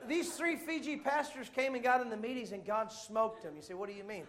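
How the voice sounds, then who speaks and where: A man preaching to a congregation, telling travel stories in a jokey, animated way with playful mock voices. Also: very high-pitched, brisk, background noise. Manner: jokey, does voices and mock accents in quotes. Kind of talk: animated sermon storytelling.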